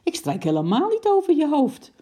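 A woman's voice: fairly low pitch, big pitch swings, a little slow, dark tone, voice pushed up. A woman reading a storybook aloud, voicing a grumpy, sleepy husband who grumbles curtly. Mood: grumbling. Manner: grumbling, curt.

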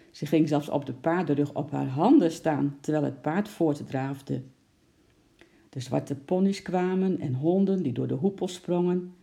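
A man reading a children's storybook aloud in a steady, expressive narration. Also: a little high, creaky.

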